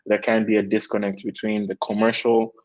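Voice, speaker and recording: A man's voice: fairly low pitch, fairly quick, dull audio. A young man from Malawi, a tech guest speaking casually in an interview with lots of fillers. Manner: relaxed, many fillers like "like" and "um".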